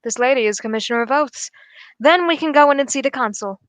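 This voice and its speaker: Playing a sharp gentleman sleuth for a vintage-style radio play, a woman speaks in a natural, high voice captured dry and up close. Her formal delivery stays composed and brisk as she sets out her reasoning phrase by measured phrase.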